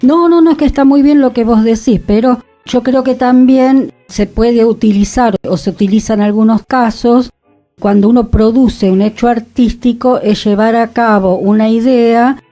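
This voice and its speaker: This time the woman's voice is fairly high and mellow, with fairly even intonation at a normal speed, and soft music plays in the background. Co-hosting a cultural talk show in a radio studio, she is thoughtful and conversational, laughing occasionally.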